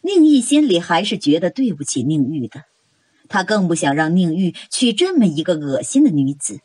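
A woman narrates a novel with dramatic, expressive storytelling. Her voice is husky and slightly low, with lively pitch swings. The recording is dry and close. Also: normal speed, no echo. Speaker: audiobook narrator.

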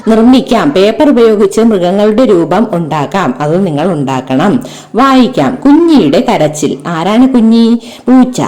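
Warm-voiced woman teaching small children. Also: mid-range voice, expressive, unhurried. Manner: reads rhythmic verse and then asks the children simple questions; addresses the children fondly and directly. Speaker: primary school teacher. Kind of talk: reading a textbook lesson aloud to young children.

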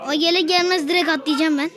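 A woman giving casual gameplay commentary to her viewers, excitable and quick to burst out in frustration. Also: very high-pitched, crowd noise. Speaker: gaming video host.

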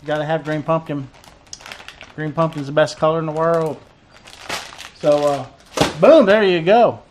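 A fishing vlogger in his thirties rambles casually through a fishing tackle unboxing, repeating himself and using lots of fillers. His voice is fairly high and unhurried, recorded on a desk camera in a cluttered tackle room with background noise.

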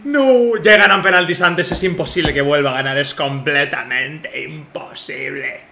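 A man with a Spain Spanish accent doing live football video game commentary as a streamer, swinging between muttering and shouting, swearing and talking to himself and his viewers. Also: a little high, normal speed, gravelly. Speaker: gaming streamer. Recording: echoey room with music behind.

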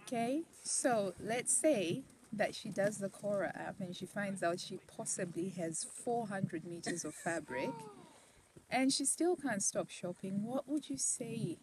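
A woman's voice: medium pitch, lively intonation, a little slow, background noise. A woman vlogging a fabric shopping meetup, chatting and teasing people with playful questions. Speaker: vlogger and interviewer. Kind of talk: casual chat. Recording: loud crowd chatter behind.

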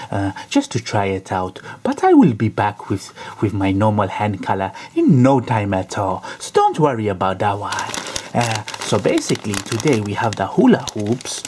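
A man's voice: lowish voice, darkish tone. Jokey man reviewing snacks over noisy crinkling. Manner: jokey, rambling, repeats catchphrases. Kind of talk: casual product review to camera. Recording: clearly noisy, crinkling packet and clicks. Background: crisp packet crinkling.

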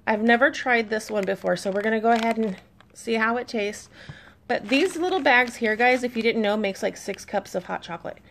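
A woman in her thirties chats easily to camera about things she bought, reading labels aloud as she goes. Her voice sits a little high, with a gravelly fry running through it. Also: a little fast, fairly bright tone, a little hiss or hum. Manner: chatty, reads labels aloud, easygoing. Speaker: vlogger mom showing a shopping haul. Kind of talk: casual chat to camera.

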